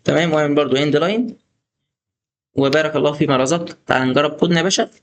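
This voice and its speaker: Chatty Egyptian programming tutor. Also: male voice, a little high, rapid-fire. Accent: Egyptian Arabic. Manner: chatty, coaxing, addresses viewer as "boss" and "star". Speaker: programming instructor. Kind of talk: screen-recorded coding tutorial.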